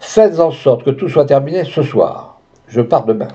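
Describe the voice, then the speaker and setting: A man's voice: mid-range voice, animated, normal speed, dark tone, natural voice. A man voicing a stern, grieving older doctor and father who speaks firmly, in an audiobook with dull lo-fi sound. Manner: firm, indignant.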